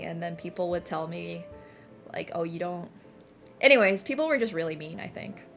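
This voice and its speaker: A young Finnish woman in her twenties, whose first language is Finnish, chats casually with her stream, laughing often and saying "like" and "bro" a lot. This livestreamer has a lowish, creaky voice with a fairly bright tone.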